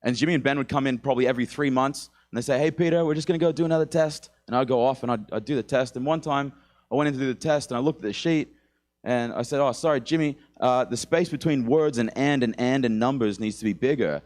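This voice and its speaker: A man's voice: medium pitch, quick pace. A young man with an Australian accent, telling loose, profane stories as a guest comedian. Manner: laid-back, swearing, laughing mid-story. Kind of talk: casual stand-up chat.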